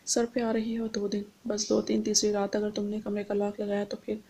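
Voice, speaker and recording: A woman's voice: medium pitch, monotone, moderate pace, mellow, breathy edge. A woman reading the lines of a mocking, menacing young man who taunts with sneers. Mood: taunting.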